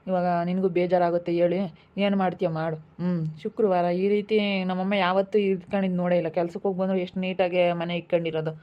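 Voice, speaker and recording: Village woman nagging fast, muffled lo-fi sound. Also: fairly low pitch, little pitch movement. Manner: scolding, nagging. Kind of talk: home-made village drama acting. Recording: dull lo-fi sound.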